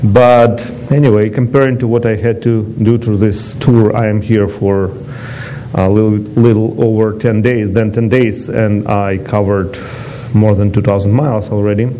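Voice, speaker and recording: Mellow-voiced man from Ukraine giving a testimony. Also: on the low side, steady tone, normal speed, a little hiss or hum, rough recording. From eastern Ukraine. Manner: non-native phrasing, chatty with asides to the audience. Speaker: guest speaker giving a testimony. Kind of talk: personal testimony talk.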